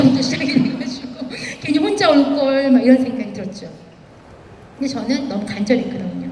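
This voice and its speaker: Anecdotes drive this motivational stage speech by a woman guest speaker who acts out the dialogue she quotes. Her voice is high-pitched and mellow. Captured in a large event hall, the recording is echoey and the mic sits far away.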